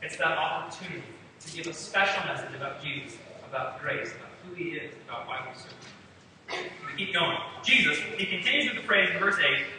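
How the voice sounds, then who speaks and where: A man's voice: a little high, expressive, fairly quick, background noise. A man preaching a sermon in a church, emphatic and casual as he retells scripture in everyday words. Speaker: pastor. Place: church sanctuary. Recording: echoey hall, from far off.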